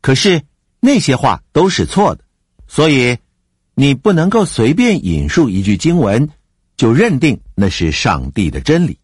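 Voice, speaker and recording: A man with a slightly husky voice teaches the Bible, his pitch leaping up and down as he stresses his points. The sound is dry and close, with no room around it. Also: big pitch swings, a little slow, no room sound. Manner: explanatory, emphatic, with occasional fillers and laughs.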